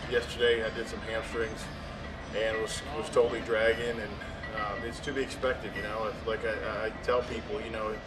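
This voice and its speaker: A bodybuilder in his thirties who competes talks casually to camera about his training in a big indoor gym, plain and matter-of-fact with trailing fillers. His fairly low voice is flat and moderately paced, heard over loud music in echoey audio captured from a distance.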